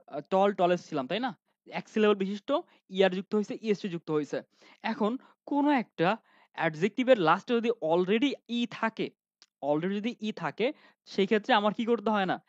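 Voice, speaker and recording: A man's voice: high-pitched, dry recording. Lo-fi male grammar teacher quizzing himself. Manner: asks students questions and answers them himself, with frequent fillers. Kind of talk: online grammar lesson.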